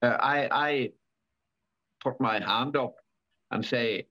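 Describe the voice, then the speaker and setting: A man in his seventies reminisces in a relaxed interview, his voice bright and forward. He stops, restarts and repeats words often. The recording is dull and lo-fi. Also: mid-range voice. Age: 70s. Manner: halting, repeats words, many fillers. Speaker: rally driver guest. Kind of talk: casual interview.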